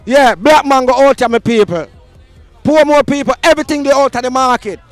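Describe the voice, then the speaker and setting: Hyped high-voiced Jamaican man. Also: a little fast, no echo, faint music behind. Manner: hyped, chanting a catchphrase. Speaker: vlog host. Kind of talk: street vlog patter. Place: outdoor market.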